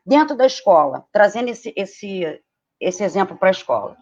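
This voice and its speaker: A woman with a Brazilian Portuguese accent giving a live-stream lecture, lively and explanatory, often checking in with tag questions. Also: medium pitch. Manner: animated, frequent tag questions, acts out quoted voices. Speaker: host giving a lecture on learning. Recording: dull lo-fi live-stream audio.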